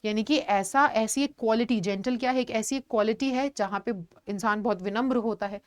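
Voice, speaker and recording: Young woman teacher, higher pitched, dry close sound, patient explainer. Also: a little fast, no echo. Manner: explains patiently, addresses students as "beta", frequent "theek hai" check-ins. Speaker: online teacher. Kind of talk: classroom vocabulary lesson.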